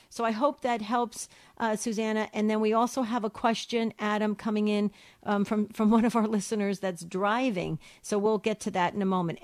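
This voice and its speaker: A woman co-hosting a call-in radio show, reading listener questions aloud and answering them in a chatty way with many fillers and restarts. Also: medium pitch.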